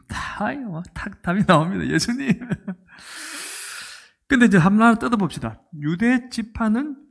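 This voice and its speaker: A middle-aged man preaching a sermon as a pastor, telling the story with animation and asking the congregation questions. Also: a little high. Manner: animated storytelling, asks the congregation questions and acts out quoted lines.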